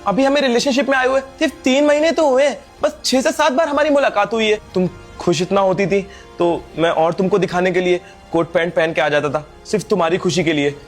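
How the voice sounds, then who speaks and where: A man's voice: high-pitched, a little fast, faint music behind, lightly acted. A man playing a pleading poor servant. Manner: pleading, earnest. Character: poor young male servant pleading for love. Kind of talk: scripted skit acting.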